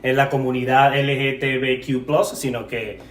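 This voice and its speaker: A man co-hosting a relaxed film-chat podcast, wandering through his points and stumbling over words. He sits back from the microphone in an echoey room. A faint hiss runs under his voice. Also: mid-range voice, normal speed, far from the mic. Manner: rambling, self-correcting, laughs often. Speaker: podcast co-host. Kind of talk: casual film-discussion podcast.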